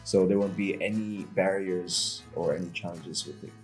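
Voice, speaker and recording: A man's voice: deep voice, steady tone, moderate pace, faint music behind. A man in his twenties from the Philippines, a native Tagalog speaker, talking thoughtfully and hesitantly as a guest. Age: 20s. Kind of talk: casual discussion.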